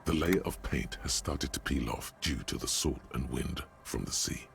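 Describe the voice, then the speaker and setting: An actor voicing a brooding, solemn narrator in a video game, speaking slowly and gravely. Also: male voice, rumbling low, soft background music. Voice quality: gravelly, slow and measured.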